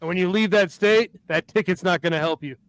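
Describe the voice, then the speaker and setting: A man with a high voice throws wry, jokey asides into a podcast chat. His sound is close and dry. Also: a little fast, a bit bright, clean tone, dry recording. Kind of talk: casual chat.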